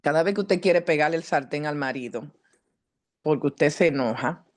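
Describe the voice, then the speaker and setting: A woman psychologist giving a teaching talk at a church, addressing the congregation directly and asking them questions in a lively, earnest way. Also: low-pitched, moderate pace. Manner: lively, earnest preaching delivery.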